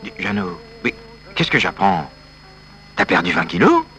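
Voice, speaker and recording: Man doing a pushy comforter, high, gravelly, bright and sharp. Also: slow pace, soft background music, exaggerated voice, poor audio. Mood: incredulous. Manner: bossy, mocking, fussing. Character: tactless man comforting a crying friend. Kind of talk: comic sketch acting.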